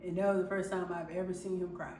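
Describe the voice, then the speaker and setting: A woman vlogger telling a personal story in a halting way, with many fillers and restarts. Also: on the low side, flat delivery, dark tone, slight background noise. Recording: roomy sound from a distant mic.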